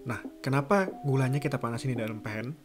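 Male, 20s, relaxed home-kitchen cooking host, middle pitch, recorded over loud music. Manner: relaxed, chatty, drawn-out words. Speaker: cooking vlogger. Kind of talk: casual cooking tutorial.

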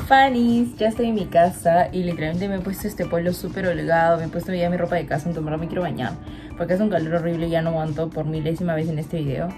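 A fast-talking woman with a fairly low, steady voice records in an echoey room with background music. She's a Peruvian in her 20s with a Peruvian Spanish accent, narrating a casual vlog in a talkative, upbeat way that confides in viewers.

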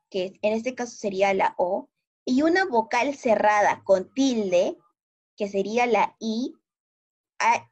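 A woman teacher with a Peruvian Spanish accent patiently explains a grammar lesson to primary pupils in an online class, checking often that they understand. Her mid-range voice is a little mellow, and the recording has a dull lo-fi sound.

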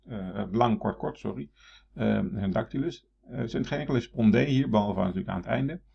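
A man's voice: fairly low pitch, brisk, creaky, slightly rough, dull audio. A man teaching Latin, thinking aloud with many fillers and restarts and reading verse aloud in a raised voice. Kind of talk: explaining a Latin text.

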